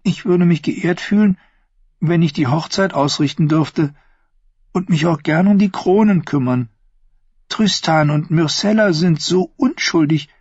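In an audiobook, a man voices a sly, sweet-sounding young woman, raising his pitch above his natural voice to a fairly high, slightly mellow, breathy tone. His measured, lilting delivery is sweetly scheming, and the dry, echo-free recording sounds dull and lo-fi.

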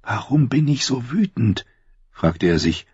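A man voicing a brooding, withdrawn young man, speaking low and inward, on a slightly dull lo-fi audiobook recording. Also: big pitch swings, a little slow, darkish tone, slightly rough, dry recording, exaggerated voice.

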